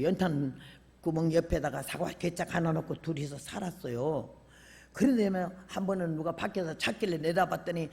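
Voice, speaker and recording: Older woman, preacher, gravelly voice, animated colloquial storytelling, long hall reverb. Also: low voice. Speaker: revival preacher. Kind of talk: sermon with personal storytelling. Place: church sanctuary.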